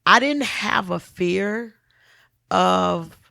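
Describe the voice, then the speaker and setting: A woman guest talking about her singing in an unhurried, drawn-out way. Her voice is gravelly and bright, with a big, strong tone. The sound is dry and close. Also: on the low side, dry recording. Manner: animated, laughs often, strong big voice. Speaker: guest singer, talent show winner. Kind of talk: casual interview chat.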